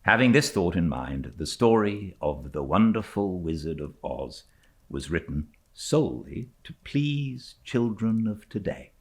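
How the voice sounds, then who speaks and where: Slow, deep-voiced man telling a fireside story. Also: sing-song. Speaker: storyteller reading a children's novel aloud. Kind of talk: fireside storytelling, scripted narration.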